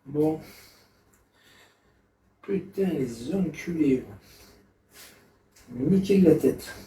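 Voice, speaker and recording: A man's voice: on the high side, lively intonation, drawn-out words, mellow, a little hiss or hum. A man in a rambling live stream chat, irritable and swearing constantly, talking from a friend's apartment.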